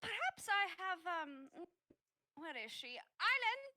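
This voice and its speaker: A woman voicing a graceful, slightly unsettling bird-like high priestess who speaks formally and politely. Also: sing-song, sharp tone, full character voice. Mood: courteous. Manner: formal, polite, halting in-character speech.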